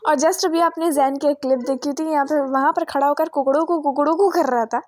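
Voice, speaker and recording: A young woman tells a rambling family story for her vlog, dropping English words into her sentences. Her voice sits high. She sounds relaxed and chatty as she walks through the village outdoors. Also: a little fast, dry recording, studio quality. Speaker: vlogger. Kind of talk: casual family vlog narration.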